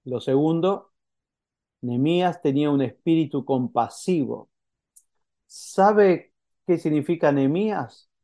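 Male pastor, mellow tone, chatty sermon delivery full of rhetorical questions. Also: a little high, lively intonation. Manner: conversational, asks the congregation rhetorical questions; halting, with frequent restarts.

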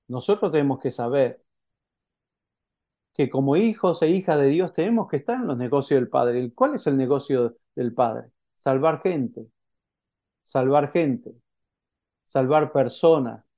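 A male pastor preaching a sermon in a conversational, halting way, often asking the congregation rhetorical questions. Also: medium pitch, warm tone. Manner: halting, with frequent restarts.

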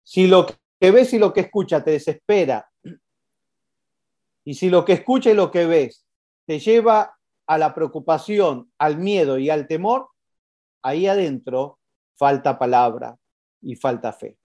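A preacher, giving an animated sermon full of repetition and rhetorical questions. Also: mid-range voice, unhurried, pauses often.

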